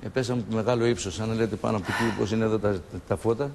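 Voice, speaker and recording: A man's voice: on the low side, steady tone, creaky, a little mellow, big-room sound, slight background noise. A man in his sixties, a shipwreck survivor, telling his story in a TV studio interview and acting out the dialogue he remembers. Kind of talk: emotional recollection in a TV studio interview.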